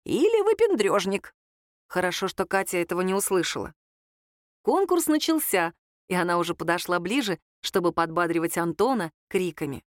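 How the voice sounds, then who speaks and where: A woman narrating a novel in an even, lightly wry storytelling manner. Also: fairly low pitch, brisk, no room sound, clean studio sound. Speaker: audiobook narrator. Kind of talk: scripted narration.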